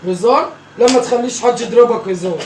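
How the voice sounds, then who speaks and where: A nagging, teasing old grandmother with an Egyptian accent, played by a performer, scolding the kids in a comic sketch. She talks fast and keeps repeating herself. The voice sounds roomy and distant, with faint noise underneath. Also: medium pitch, a little mellow, lightly acted. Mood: bossy teasing. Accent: Egyptian Arabic.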